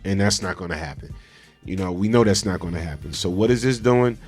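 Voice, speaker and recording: A man's voice: low-pitched, fairly quick, a little mellow. A man co-hosting a morning radio show, bantering like a DJ in colloquial speech with emphatic repetition. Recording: music playing behind. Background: music.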